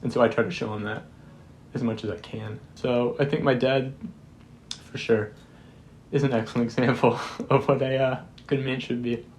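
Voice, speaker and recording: A man's voice: mid-range voice, little pitch movement, normal speed, a little mellow, slight background noise. An eighteen-year-old man speaking earnestly and with feeling in a documentary interview. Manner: earnest, emotional, laughs while talking. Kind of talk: reflective interview.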